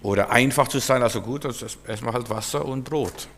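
Man preaching, emphatic sermon, loud and soft swings, long hall reverb. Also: mid-range voice, a little fast. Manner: emphatic, rising and falling dynamics.

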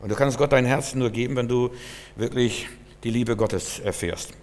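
Man preaching a sermon, mid-pitched voice, earnest and direct, echoing in a large hall. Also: steady tone, normal speed. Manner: earnest, repetitive, addresses listener directly. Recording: long reverb, hall.

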